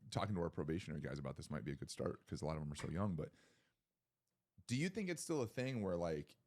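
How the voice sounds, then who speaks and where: A man's voice: low-pitched, big pitch swings, fast talker, darkish tone. A man co-hosting a podcast, chatting casually and crudely, rambling with many fillers and restarts. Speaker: podcast co-host.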